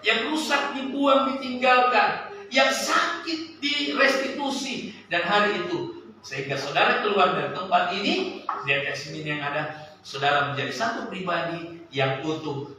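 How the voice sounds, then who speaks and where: A man preaching a sermon and telling a personal story, with an animated voice that climbs and sinks sharply. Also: a little high, moderate pace, a little hiss or hum. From Sulawesi, Indonesia. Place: church service hall. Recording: echoey church hall, from a distance.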